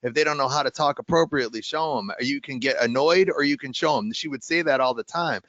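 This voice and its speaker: A man hosting an education podcast, talking in an emphatic, animated conversational way. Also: medium pitch, fairly quick, no echo, dull audio. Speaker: podcast host. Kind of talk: conversational interview.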